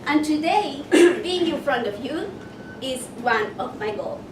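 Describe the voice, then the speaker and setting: A woman from Ecuador leads a motivational workshop, speaking slowly and deliberately and putting questions to her audience. Her voice sits high with lively intonation. The recording is noisy and echoey, with the mic far off.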